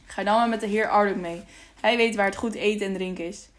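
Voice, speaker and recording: A woman reading the lines of a brisk, official male gate captain in an audiobook. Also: medium pitch, steady tone, close to an everyday voice.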